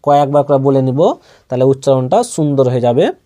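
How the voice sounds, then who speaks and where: A man with a Bangladeshi accent teaches Quran reading, spelling out Arabic letters and reciting them in a drawn-out chant with brief explanations in between. His medium-pitched voice is animated and dark in tone.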